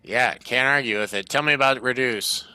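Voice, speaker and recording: A man's voice: mid-range voice, normal speed, bright, forceful tone, clear, resonant tone, no room sound. A man running a tabletop game as game master, easygoing and laughing often.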